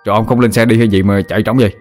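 A hot-tempered young ambulance driver shouts and scolds in exasperation, as a deep-voiced male storyteller puts him on. His voice rises high above the narrator's deep tone. Soft music plays underneath. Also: fairly even intonation, rapid-fire, lightly acted. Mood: outraged.

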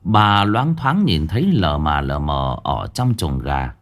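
A man narrating a ghost story in an animated, vivid way. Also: extremely low pitch, slow pace.

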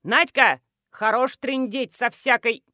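A woman reading an audiobook voices a rude, loud middle-aged village mother-in-law who scolds and shouts. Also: mid-range voice, moderate pace, no room sound, clean studio sound, lightly acted. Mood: yelling.

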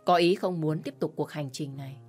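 A woman narrating an audio story in a steady, measured way. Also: low-pitched, soft background music.

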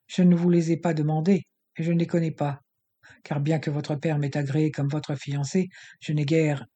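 A man's voice: on the high side, warm tone, husky. A man voicing a harsh, threatening male villain with a slightly hissing voice in an audiobook.

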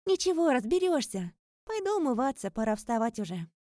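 A woman voicing a lively young female student who explains things earnestly and gets heated quickly. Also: high-pitched, no echo, clean studio sound, pitched above the performer's own voice. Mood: amused.

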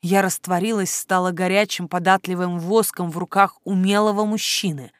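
A woman narrating a first-person storybook tale in an expressive, emotional reading. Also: lowish voice, moderate pace, clean tone, no echo, clean studio sound. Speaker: audiobook narrator.

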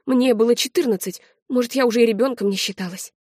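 Woman narrator, first-person audiobook, measured, quietly tense, fairly high voice, dry close sound. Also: slightly rough, dry recording.

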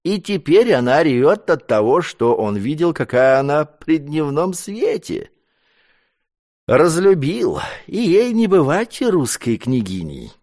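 A man reading an audiobook, voicing a scheming old female matchmaker with a creaky, unpleasant voice. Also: fairly high pitch, sing-song, measured pace, a little mellow, heavily acted. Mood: wheedling. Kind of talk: audiobook character voice.

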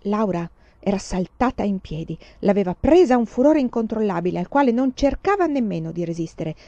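Woman, audiobook reader, expressive storybook narration, muffled lo-fi sound, dead-dry room. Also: mid-range voice, fairly quick, no echo. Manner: expressive, dramatic reading. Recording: dull, dry lo-fi recording.

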